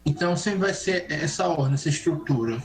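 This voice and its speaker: A man's voice: a little high, expressive, brisk. A man, a student in an online class, thinking aloud to check that he has understood a rule. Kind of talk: asking to confirm in class.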